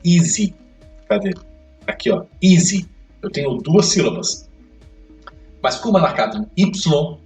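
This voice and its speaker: A man teaching an English grammar lesson, explaining step by step and checking in with quick questions. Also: a little high. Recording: echoey room, mic far off, faint music.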